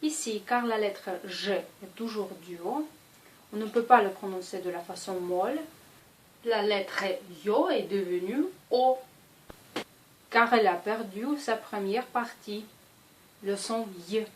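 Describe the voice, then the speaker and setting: A woman teaching a language lesson, speaking slowly and deliberately and repeating each example word. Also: medium pitch, slight background noise, poor audio.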